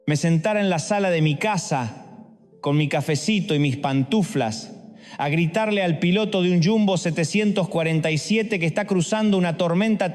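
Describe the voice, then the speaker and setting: High-voiced preacher in a reverberant hall. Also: male voice. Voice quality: rhetorical questions, swings between loud and hushed. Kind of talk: sermon.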